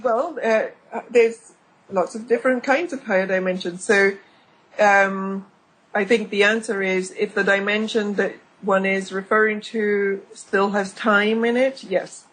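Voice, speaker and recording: A woman's voice: medium pitch, steady tone, measured pace, a bit bright, rough recording. A woman guest on an informal radio chat, explaining ideas patiently with lots of fillers. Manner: explanatory, laughs easily, many fillers.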